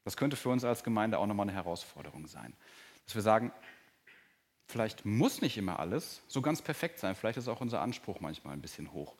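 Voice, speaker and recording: A man preaching a sermon to his congregation in a church hall. He talks earnestly and often drops to a soft, slow voice to stress a point. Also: on the low side, very animated. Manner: earnest, varies pace and volume, drops to soft, slow emphasis. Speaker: pastor.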